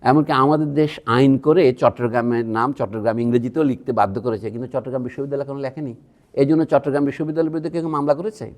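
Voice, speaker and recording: A man's voice: mid-range voice, steady tone, fast, a little mellow. A man from Bangladesh giving a public lecture at a university, talking in a digressive, conversational way with asides to the audience. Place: university museum hall.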